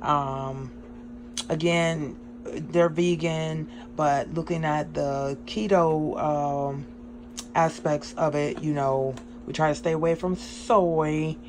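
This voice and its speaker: A woman chatting excitedly in a casual grocery haul vlog from a small home kitchen, with many ums along the way. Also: deep voice, slow, noisy background. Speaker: vlogger.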